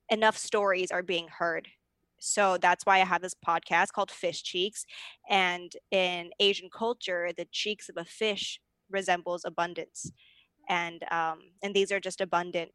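A slightly hungover woman, speaking casually and candidly in an interview, sometimes halting. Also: fairly low pitch, fairly bright tone, no echo. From United States. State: a little hungover. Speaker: podcast host and comedian, as a guest.

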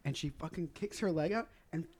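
A man's voice: a little high, fairly quick, crowd noise. A man in his late twenties, co-hosting a podcast in casual chat, telling stories with frequent laughter and swearing. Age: 20s. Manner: laughing storyteller, swears freely. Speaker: podcast co-host.

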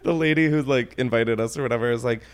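A man's voice: mid-range voice, fast talker. A hungover man hosting a podcast, chatting casually and telling stories in a dramatic, self-mocking, exclaiming way. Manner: animated, exclaiming, laughs while talking. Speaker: podcast host. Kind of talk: casual comedic podcast chat.

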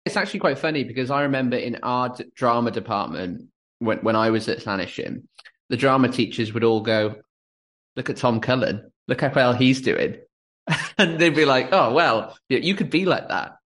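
A man's voice: mid-range voice, lively intonation, moderate pace, fairly bright tone. A man in his twenties hosting a podcast interview, upbeat and chatty. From Wales. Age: 20s. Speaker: podcast host.

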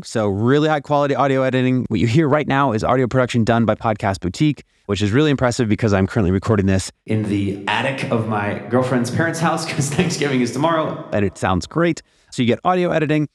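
Male podcast host, mid-pitched, promotional and emphatic, closely dry recording made in an attic. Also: a little mellow, no room sound. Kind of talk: scripted podcast monologue promoting deals. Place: attic of a house.

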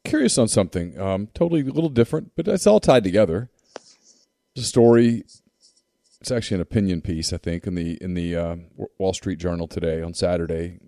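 Male podcast host, rambly questioner, mellow low voice, dry close sound. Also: brisk, gravelly, dry recording. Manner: rambling, repeats words when excited. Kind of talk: casual interview chat.

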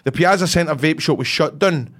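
A man's voice: a little high, normal speed, fairly bright tone. A man with a broad Scottish accent telling a colloquial, sweary anecdote as a podcast host, acting out bits of dialogue in casual chat.

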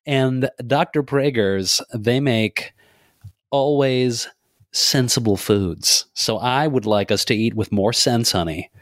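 A man's voice: medium pitch, slow pace, no echo, clean studio sound, close to an everyday voice. A man voicing a folksy middle-aged dad with a Midwestern accent and an earnest, cheesy fatherly tone.

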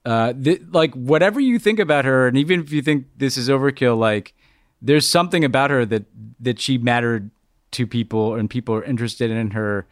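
A man hosting a podcast in casual conversation, halting and repeating words as he thinks aloud. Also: mid-range voice, no room sound, clean studio sound. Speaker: podcast host.

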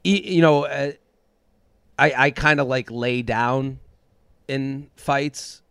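A man talks in a rambling, self-deprecating way, stopping and restarting his thoughts. His voice sits at an ordinary pitch. The sound is dry and close. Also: takes it slowly, gravelly, a bit bright, clear, resonant tone, dry recording. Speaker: guest. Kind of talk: candid conversation.

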